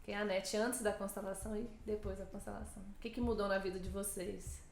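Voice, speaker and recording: A woman's voice: medium pitch, flat delivery, fast, vocal fry, roomy sound, slight background noise. A woman podcast host chatting enthusiastically and asking her guests questions. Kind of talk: casual chat.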